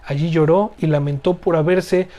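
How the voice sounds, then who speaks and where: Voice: mid-range voice, steady tone, moderate pace, mellow. A speaker teaching a Bible study, reading scripture aloud and explaining it earnestly, often repeating phrases and asking rhetorical questions.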